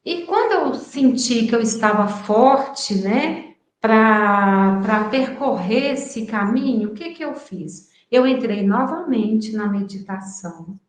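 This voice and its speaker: A Brazilian woman in her fifties retells a personal memory at length, emotional and drawn out, with frequent asides and many "né". Her voice is a little high and animated, recorded in an echoey room.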